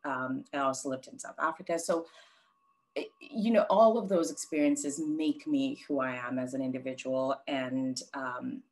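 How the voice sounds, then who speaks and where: Really low-voiced woman from sri lanka, interview guest, thinks out loud, lots of ums. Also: moderate pace, low-quality recording. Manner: reflective, thinks aloud with many ums and restarts. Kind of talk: professional interview answers.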